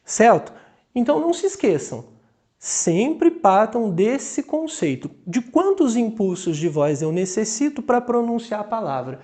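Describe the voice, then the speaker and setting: Brazilian guy teaching grammar really slowly, stretches out each example word, keeps asking "got it?". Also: high-pitched, sing-song, dark tone. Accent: Brazilian Portuguese. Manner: slow, deliberate, drawing out example words syllable by syllable; checks in with the class often. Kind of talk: video grammar lesson.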